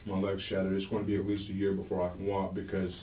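Man, interrogation subject, halting rambler; low-ish voice, distant phone-like room audio. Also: monotone, reverberant, slight background noise. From Florida. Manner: rambling, halting, with many restarts. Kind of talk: police interrogation.

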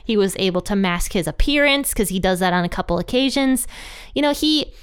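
A woman's voice: medium pitch, animated, fairly quick, clean tone. A woman hosting a podcast, giving earnest, conversational Bible teaching and retelling scenes playfully.

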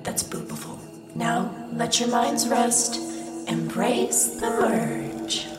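A small, touchy robot answers in a deadpan, slightly high voice, as a woman acts it out. The audio is echoey, with music underneath. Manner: deadpan, quick to take offense. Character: touchy little robot who says boop.

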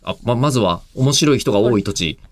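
A man hosting a radio interview as the announcer, attentive and quick with short replies. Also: medium pitch, animated, dry recording. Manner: brisk, attentive, lots of short backchannel replies.

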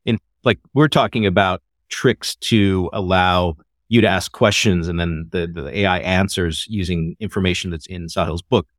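Podcast host, man with a very low voice; measured, explanatory, dry studio mic. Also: steady tone, dry recording. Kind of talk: casual conversation.

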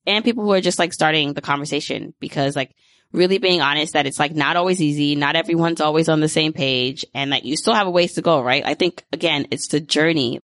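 A podcast host in her thirties wraps up a casual interview and outro, upbeat and talkative, filling her speech with lots of "like." Her low voice is fairly bright and a bit quick, recorded cleanly in a studio with no room sound.

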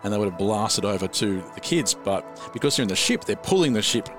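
Chuckling dungeon master. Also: male voice, fairly low pitch, fairly quick, over music. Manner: relaxed, chuckling, rambling asides. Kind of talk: narrating a tabletop game.

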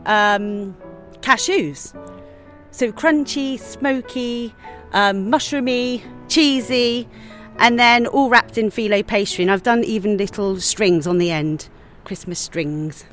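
A woman chef chatting casually outdoors as a podcast guest, lively and prone to laughing. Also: mid-range voice. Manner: chatty, animated, with frequent laughs. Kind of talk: casual chat. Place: outdoors on church steps.

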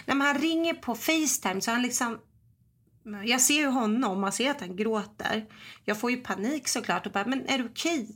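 A woman in her forties chatting casually, retelling a story in a lively way and acting out what people said. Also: on the high side. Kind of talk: casual chat, telling a story.

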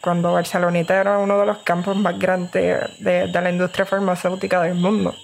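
A woman's voice: fairly low pitch, level tone, fairly quick, gravelly. A young woman in her twenties with a Puerto Rican accent, a university student answering interview questions eagerly and laughing easily. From Puerto Rico. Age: 20s. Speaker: university student and youth party officer.

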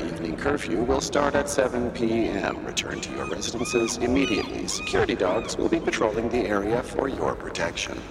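Man as a dockside loudspeaker announcer, gravelly, formal, boomy harbor echo. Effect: public address loudspeaker announcement. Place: dockside harbor area, outdoors. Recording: echoey, long reverb over a harbor PA.

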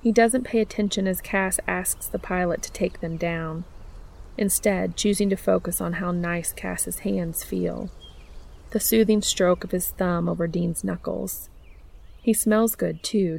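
A woman narrating a romantic story in a steady, even-toned reading. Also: on the low side, measured pace, gravelly. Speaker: audiobook narrator.

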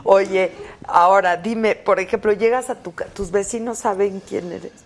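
A woman host of an interview who keeps prompting with quick interjections and questions. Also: mid-range voice, fairly even intonation, noisy background.

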